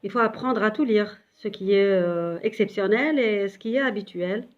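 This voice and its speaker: With highs cut off in the recording, a medium-pitched female voice proceeds at a moderate pace. She's an Arabic teacher taking beginners slowly through the material step by step. She repeats syllables patiently, and some hesitant fillers slip in.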